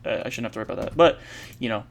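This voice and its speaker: A man thinking aloud while he codes, halting and correcting himself, with many fillers. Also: mid-range voice. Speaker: programmer streaming his coding practice. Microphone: earbuds mic.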